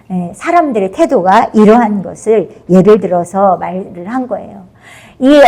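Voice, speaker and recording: A woman's voice: mid-range voice, a little mellow. A woman preacher at a prayer house gives a sermon-style study of a book, explaining patiently, often affirming her points and acting out the quoted lines. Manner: dramatizes quoted speech in the story.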